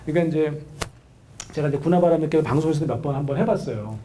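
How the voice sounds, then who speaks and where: A middle-aged man, a counseling professor, giving a lively lecture to an audience and acting out the voices of a wife and husband. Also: a little high, quick pace, background noise. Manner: animated, acts out quoted voices of a wife and husband.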